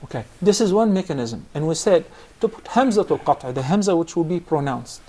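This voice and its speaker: A man's voice: on the high side, expressive, a little fast, mellow. A man teaching a Quran recitation class, explaining points patiently and quizzing his students. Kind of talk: classroom instruction.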